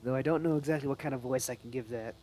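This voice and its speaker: A man's voice: medium pitch, racing, warm tone, a little hiss or hum. Rambling young male streamer, stuffy nose. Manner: rambling, laughing to himself. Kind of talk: casual gaming livestream. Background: background music.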